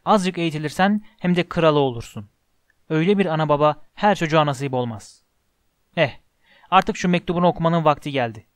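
A man reading an audiobook voices a huge, hot-tempered but kind giant gamekeeper who booms and roars indignantly. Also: brisk, dry recording, studio quality, close to an everyday voice. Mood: fierce, earnest. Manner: booming and indignant. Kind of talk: audiobook character voice.

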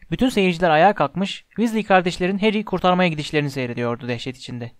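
A man's voice: sits high, no room sound. Man reading a storybook, dry and close. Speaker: audiobook narrator. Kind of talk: storybook narration.

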